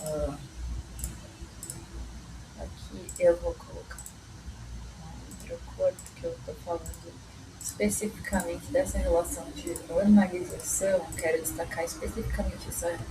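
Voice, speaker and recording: A woman with a somewhat low voice reads a text aloud and explains it for a study group. She tags her points with little checks like "né?" and hesitates with fillers while marking up her notes. She sounds a bit far from the microphone, with faint noise underneath. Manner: reads passages then comments with frequent "né?" and "tá?". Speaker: study group presenter reading and commenting a text. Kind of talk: reading aloud and explaining a book, lecture-style.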